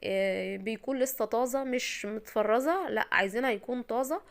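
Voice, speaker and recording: An Egyptian home cooking host with an Egyptian Arabic accent chattily and reassuringly talks viewers through a recipe step by step. Her voice, tired from a cold, is on the high side, fairly quick and gravelly.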